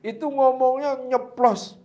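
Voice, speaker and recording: A man telling a religious tale in a relaxed, animated chat. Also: extremely high pitch, takes it slowly. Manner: lively, animated, laughs at his own story. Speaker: religious storyteller. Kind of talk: casual storytelling chat.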